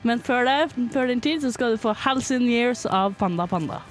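Casual morning-show host, mid pitch, faint music bed. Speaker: radio host. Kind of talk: casual radio hosting.

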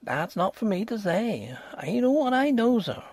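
Grave old country housekeeper woman, as a male narrator puts her on: husky, high, swooping, dry close sound. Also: sing-song, unhurried, darkish tone, no echo, heavily acted. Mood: insistent. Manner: rustic dialect grammar, grave and ominous. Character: placid old peasant housekeeper woman, superstitious. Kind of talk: audiobook character voice.

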